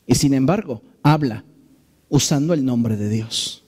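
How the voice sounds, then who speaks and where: A man preaching a sermon as a pastor in his church, slowing down and stressing key phrases in an earnest way. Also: mid-range voice, a little mellow. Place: church sanctuary.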